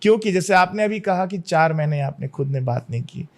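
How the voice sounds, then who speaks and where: Calm man asking probing questions. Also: high voice, fairly quick. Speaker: podcast host. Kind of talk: podcast interview.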